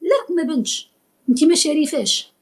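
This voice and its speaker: A woman's voice: a little high, lively intonation, fast talker, gravelly. A woman with a Moroccan accent hosting a live stream, lecturing bluntly and scolding, dropping in French phrases.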